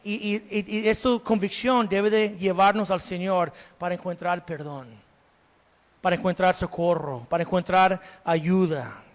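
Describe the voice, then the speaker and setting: A male pastor preaching a sermon, animated, asking the congregation questions and slipping in English words. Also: sits high, unhurried. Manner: slips English words into Spanish. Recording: long hall reverb.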